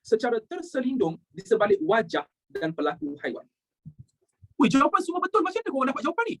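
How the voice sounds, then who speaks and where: A woman with a Malaysian accent, teaching a history lesson and going through exam practice questions. She quizzes her students in a lively way and drops English words into her talk. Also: high-pitched, fast.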